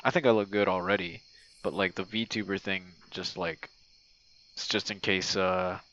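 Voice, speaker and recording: Speaking at a normal pace in a steady, low-pitched voice with a fairly bright tone, a content creator rambles hesitantly through an informal ASMR-style message to a friend. Crickets and night insects fill the background. The recording sounds muffled.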